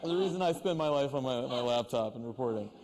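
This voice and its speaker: A man's voice: medium pitch, lively intonation, fast, crowd noise. A man interviewing actors on stage, asking questions with stammers and restarts. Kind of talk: onstage interview. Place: stage before an audience. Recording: reverberant hall.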